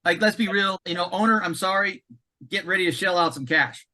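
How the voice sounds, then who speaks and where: A man talking as a guest on a podcast conversation, emphatic and animated, often repeating words as he goes. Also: sits high, a little fast. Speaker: commissioning consultant, podcast guest.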